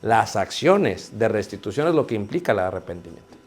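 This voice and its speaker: A man's voice: fairly low pitch, big pitch swings, brisk. A man preaching a sermon in a conversational way, firing rhetorical questions at the congregation and calling them brothers. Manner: repeatedly addresses listeners as brothers.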